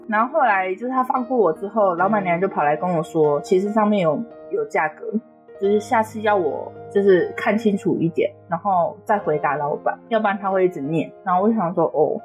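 A young woman co-hosting a podcast, telling workplace stories in an exasperated, animated casual chat. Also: medium pitch. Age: young adult. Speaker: podcast co-host.

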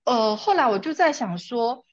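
A woman's voice: a little high, expressive, normal speed, no echo, highs cut off. A woman, a mother and interview guest, telling a personal story and often laughing. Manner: laughs often, quotes herself and her child.

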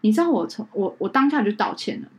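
Woman, young adult, rapid animated storytelling, mid pitch, podcast chat. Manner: animated, acts out quoted people. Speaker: podcast co-host and wedding emcee.

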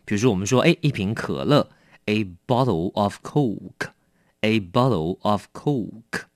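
A man with a Taiwanese Mandarin accent teaching English vocabulary, explaining patiently and repeating each word slowly. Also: lowish voice, expressive, no echo, studio quality. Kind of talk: vocabulary lesson.

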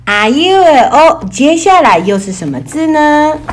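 A woman teacher with a high, bright voice guides a children's language lesson. She speaks slowly, in a lively, sing-song way, as if reading a story to young kids. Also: noisy background.

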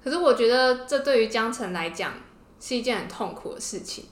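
Brisk and expressive, this woman's slightly high voice carries a Taiwanese Mandarin accent as she hosts a podcast, casually recounting and explaining a story. Her recording space echoes like a large room.

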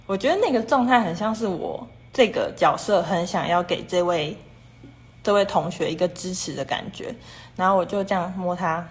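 Rambling woman livestream host, slightly low voice. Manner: rambling and repetitive, strings clauses with "and then"; chats with viewers reading their comments. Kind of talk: casual livestream chat.

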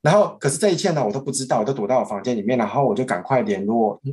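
A man's voice: mid-range voice, rapid-fire, darkish tone. A young man with a Taiwanese Mandarin accent, a podcast guest telling a story casually, rambling with many restarts. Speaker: podcast guest, former French interpreter.

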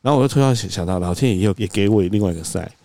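A man, co-hosting a podcast, telling a story in an animated way and acting out quoted lines. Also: fairly low pitch, racing, no echo. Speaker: podcast co-host. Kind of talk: casual storytelling chat.

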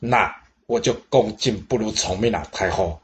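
A man doing a smooth-talking calm courtier. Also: lowish voice, normal speed, slight background noise, close to an everyday voice. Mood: reassuring. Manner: easygoing, reassuring. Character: glib, calm male courtier and persuader.

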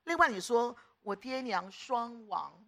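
A woman's voice: fairly high pitch, lively intonation, unhurried, sharp tone. A middle-aged woman preacher delivering an emphatic sermon, repeating phrases in rhythmic lists.

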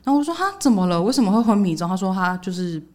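A young woman, co-hosting a podcast and telling a workplace story in casual chat. She acts out what others said, jumping up in pitch for the quotes. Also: very fast. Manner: animated retelling, voicing others' quotes with jumps in pitch. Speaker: podcast co-host.

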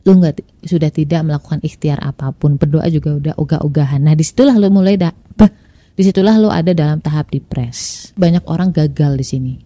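A woman's voice: sits low, a little fast, warm tone, no room sound. Woman host, chatty self-help talk, dry close sound. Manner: chatty, acts out quoted inner voices. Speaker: podcast host.

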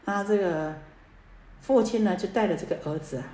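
A woman teaching as a Buddhist Dharma teacher, telling stories in a lively, animated way with many drawn-out fillers. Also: mid-range voice, slight background noise. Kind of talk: sermon with storytelling. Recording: echoey room.

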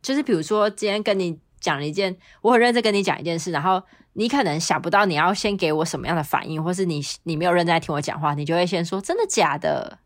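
A woman's voice: fairly low pitch, quick pace, few pauses, no echo, clean studio sound. A woman, co-hosting a casual podcast and explaining her views steadily. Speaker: podcast co-host. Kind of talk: casual chat.

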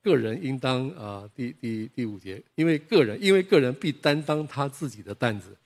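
A man's voice: medium pitch, normal speed. A middle-aged man, preaching a sermon full of personal stories. He acts out the dialogues in them and chuckles as he talks. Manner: lively storyteller who acts out dialogues and chuckles. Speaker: pastor.

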